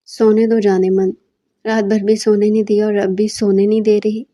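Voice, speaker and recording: A woman reading the lines of a playful, teasing young husband in an audio novel, in her own mellow voice. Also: medium pitch, little pitch movement, natural voice. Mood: sleepy teasing. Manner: teasing, affectionate.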